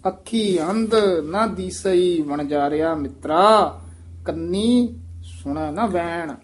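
Guy teaching how to say scripture lines, slow and patient, kinda high voice. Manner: patient, repeats phrases slowly to model them. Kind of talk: line-by-line recitation coaching.

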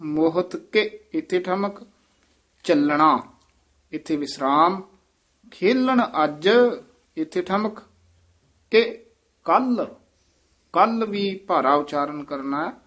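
A man guides a student through scripture recitation, stopping to correct the pronunciation and slowly voicing each word as it should sound. His voice sits a little high and he speaks at an unhurried pace. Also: animated, a bit bright. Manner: slow, deliberate, demonstrates words by repeating them.

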